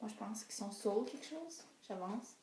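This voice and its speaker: A young woman performing a comic monologue, animated, swinging from hushed asides to excited cries. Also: medium pitch, moderate pace, far from the mic. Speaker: storyteller. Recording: roomy echo.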